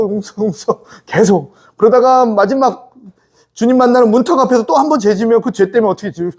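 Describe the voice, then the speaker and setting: A man's voice: extremely high pitch, a little mellow. A man preaching a Sunday sermon in church, conversational and interactive, often asking the congregation to answer back. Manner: acts out the sons and the father in quoted speech. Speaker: pastor. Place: church sanctuary.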